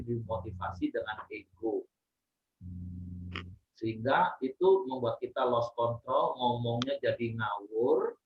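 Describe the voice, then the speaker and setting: A man preaching in a relaxed, conversational way, going over his points again and again for the congregation. His voice sits in a middle range. The sound is muffled and a little far from the mic. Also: medium pitch, reverberant. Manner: plain, repetitive teaching, addresses listeners as Bapak Ibu. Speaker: pastor leading a devotional. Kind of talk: casual sermon to a congregation.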